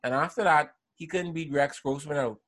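A man's voice: a little high, moderate pace, fairly bright tone. Opinionated man in casual sports debate. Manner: opinionated, slangy, repeats points for emphasis. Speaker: sports talk show host.

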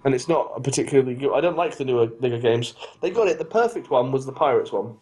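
A man co-hosting a podcast, chatting casually in a rambling, animated, self-mocking way. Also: mid-range voice, fast, low-quality recording. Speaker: podcast co-host. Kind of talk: casual chat.

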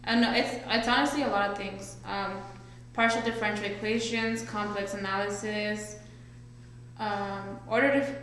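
A woman's voice: mid-range voice, fairly even intonation, normal speed, fairly bright tone, slight background noise. Earnest young female student guest, recorded in a very echoey room. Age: 20s. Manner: earnest, listy, thoughtful. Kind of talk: casual interview chat.

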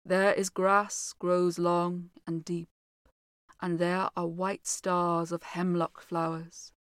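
A woman reading the part of a weary centuries-old male ghost, speaking slowly in a low, dreamy way. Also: steady tone, dry recording, studio quality. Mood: sad, dreamy.

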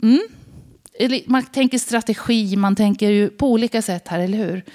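A woman's voice: medium pitch, a little mellow. A woman gives a sermon-style Bible teaching in an informal, conversational tone. She poses rhetorical questions and often breaks off to rephrase. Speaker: preacher.

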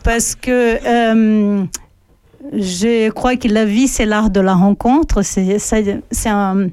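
Smooth-voiced Brazilian woman speaking French. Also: mid-range voice, fairly even intonation, slow pace, darkish tone. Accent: Brazilian Portuguese. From southern Brazil. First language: Portuguese. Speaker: festival organizer guest. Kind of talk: radio interview.

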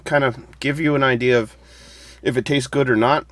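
A man co-hosting a podcast in relaxed banter, joking and rambling with a mid-range voice. He trails off and restarts as he chats. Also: mid-range voice, moderate pace, no room sound. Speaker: podcast co-host. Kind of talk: casual chat.

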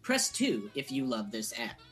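A woman's voice: very deep voice, sing-song, a little slow, fairly bright tone, faint music behind, full character voice. A woman voicing a smug automated phone menu that reads out chirpy scripted announcements. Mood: cheery.

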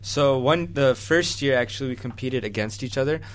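A man's voice: medium pitch, normal speed. A man of twenty-two from the Chicago area, a student guest on a radio show, explaining things in a laid-back way full of fillers. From Chicago area, USA. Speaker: university student and a cappella singer, interview guest. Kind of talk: casual interview answers.

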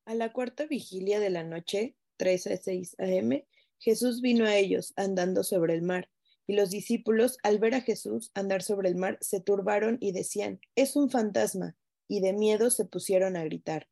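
Gravelly woman reading scripture aloud. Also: mid-range voice, moderate pace, warm tone, no echo, studio quality.

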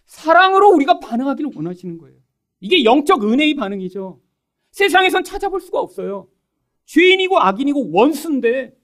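A man's voice: extremely high pitch, a bit bright. A man preaching a sermon as pastor, addressing the congregation directly and acting out quoted dialogue. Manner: acts out quoted dialogue in changed voices.

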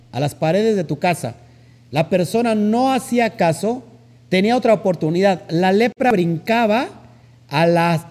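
A man's voice: high voice, a little mellow. Man preaching in a reverberant hall. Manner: teaching with rhetorical questions and frequent pauses. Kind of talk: sermon.

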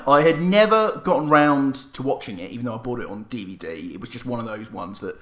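A man's voice: medium pitch, lively intonation, fast talker. A man hosting a casual film podcast, talking with dry, self-mocking humor. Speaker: podcast host. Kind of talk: casual film review chat. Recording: echoey room.

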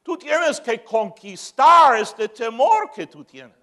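A man preaching a sermon as pastor, moving from shouted peaks to joking asides. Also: very high voice, animated, slow pace.

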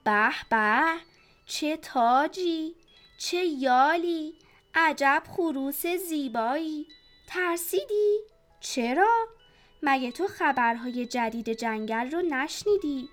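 Storybook fox trickster played by a woman, sugary flattering tone, highish voice. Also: faint music behind, exaggerated voice. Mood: coaxing. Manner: honeyed, coaxing flattery. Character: sly hungry fox, sweet-talking trickster.

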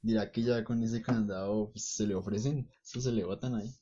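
A man co-hosting a casual podcast chat, tossing in relaxed remarks. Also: lowish voice, brisk, dull audio, a crowd in the background.

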